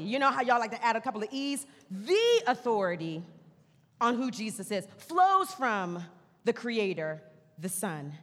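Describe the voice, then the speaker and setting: A woman's voice: on the high side, a bit bright. A woman pastor preaching a sermon, stretching out key words for emphasis and tossing casual asides to the congregation. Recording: long reverb of a sanctuary.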